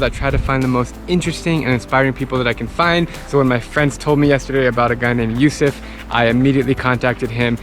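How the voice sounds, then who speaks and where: A man's voice: mid-range voice, fairly bright tone. A man hosting a travel vlog, narrating and asking questions with an enthusiastic, upbeat manner. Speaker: travel vlogger host. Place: outdoors in a seaside town.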